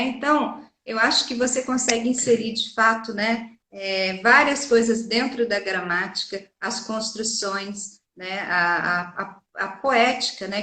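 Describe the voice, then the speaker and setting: A woman's voice: a little high, pushed and bright. A woman teacher with a Brazilian Portuguese accent, answering interview questions earnestly and explaining through many examples and tag questions. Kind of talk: interview conversation. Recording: echoey room.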